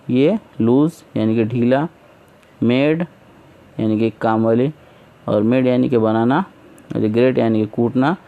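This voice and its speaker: Slow, mellow-voiced male teacher. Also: mid-range voice, vocal fry. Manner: reads English aloud slowly, then explains in Hindi-Urdu; patient, step-by-step word lists. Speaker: school English teacher. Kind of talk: textbook exercise lesson.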